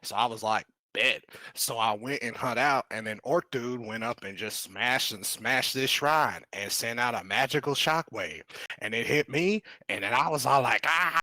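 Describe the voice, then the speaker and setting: A man's voice: medium pitch, moderate pace, bright, forceful tone, dry recording, close to an everyday voice. A man voicing a brash young male goblin sorcerer who talks in swaggering, profane street slang during a tabletop game. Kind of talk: tabletop role-play in character.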